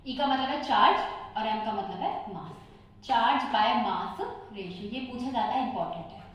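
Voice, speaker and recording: A woman's voice: fairly high pitch, expressive, a little fast, fairly bright tone, lo-fi sound. A woman teaching an exam-prep chemistry lesson, asking questions and answering them herself. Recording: very echoey room, voice far from mic.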